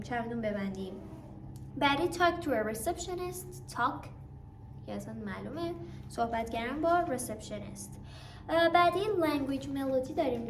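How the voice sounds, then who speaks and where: Woman, English teacher, slow clear reading of phrases, faint hiss behind. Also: fairly high pitch, reverberant, recorded from a distance. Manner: explains in Persian, reads English phrases slowly and clearly. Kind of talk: exam review lesson.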